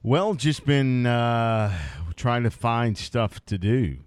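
A man's voice: mid-range voice, takes it slowly, clear, resonant tone, no echo. A man co-hosting a sports podcast in casual chat, laughing easily. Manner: animated, laughs easily, counts in the show. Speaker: podcast co-host.

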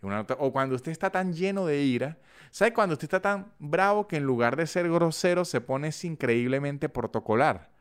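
A man with a Venezuelan Andean accent, hosting a podcast in a casual, animated monologue full of acted-out examples. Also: fairly high pitch, moderate pace, smooth. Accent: Venezuelan Andean (gocho). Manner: animated, chatty storytelling with acted-out voice notes. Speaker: podcast host.

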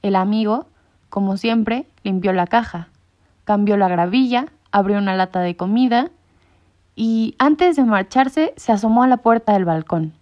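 A woman narrating a storybook with expressive storytelling. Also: medium pitch, a little slow. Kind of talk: storybook reading. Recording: muffled lo-fi recording.

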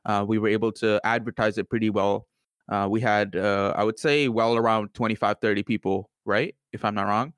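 A man's voice: fairly low pitch, steady tone, a little fast, clean tone, dry recording, studio quality. A nineteen-year-old man co-hosting a casual podcast, hesitant with many fillers and restarts. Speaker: podcast co-host. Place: student university, Canada.

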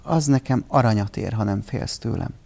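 A man's voice: lowish voice, vocal fry, dark tone. A man voicing a small tearful green creature in a children's story, with a plaintive, whiny manner.

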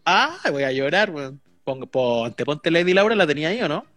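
A man's voice: on the high side, very animated, normal speed, a bit bright, no room sound. A man with a Chilean accent hosting a casual livestream podcast, joking and reading viewer comments aloud with easy swearing. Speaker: podcast host reading live chat.

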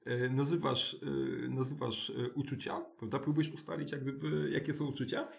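A man, a school director, explaining his ideas in a conversational interview, halting with many restarts and tag questions. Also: mid-range voice, little pitch movement, creaky. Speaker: alternative school director, guest.

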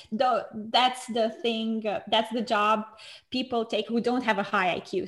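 A woman in her thirties from Romania talks as a guest on a podcast, with a slightly high voice. She speaks in quick bursts, laughs often and keeps checking in with "right?". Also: fairly bright tone. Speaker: podcast guest, marriage coach. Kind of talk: casual interview chat.

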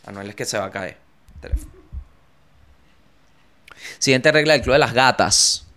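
A young man hosts a casual comedy podcast. He talks in a playful, slangy way, full of jokes and quick impressions. His voice sits at an ordinary mid pitch for a man. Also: pushed and bright. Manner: playful, joking, slangy, shifts into bits and impressions. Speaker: podcast host.

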